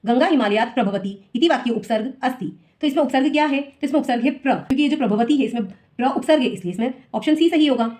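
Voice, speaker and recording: A woman's voice: high voice, fast talker, hardly any pauses, darkish tone. A woman teacher who reads each exam question aloud and then explains the answer step by step for students. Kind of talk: solving an exam paper for students.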